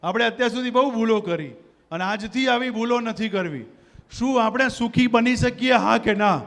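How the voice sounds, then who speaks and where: Motivational speaker guy, really high voice, gets the crowd to shout stuff back, long hall reverb. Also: moderate pace, slight background noise. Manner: rousing, leads the audience in call-and-response. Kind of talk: motivational stage talk. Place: community gathering hall.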